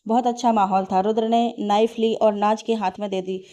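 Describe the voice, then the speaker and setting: Woman reading a story out loud, warm mellow voice, steady and even. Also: mid-range voice, moderate pace. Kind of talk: read-aloud story narration.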